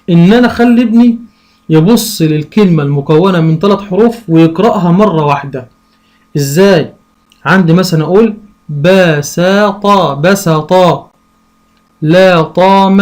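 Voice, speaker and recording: Reading teacher, male, Egyptian accent, slightly high, patient question-and-answer delivery. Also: a little mellow. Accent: Egyptian Arabic. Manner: slow, drawn-out syllable sounding; asks and answers his own questions. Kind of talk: lesson for parents.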